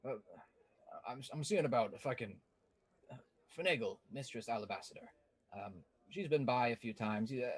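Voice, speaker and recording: Guy doing a sly old prisoner voice, husky, rambling, lots of ums. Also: mid-range voice, no echo, exaggerated voice. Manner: rambling, hesitant, full of ums. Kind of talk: tabletop role-play character voice.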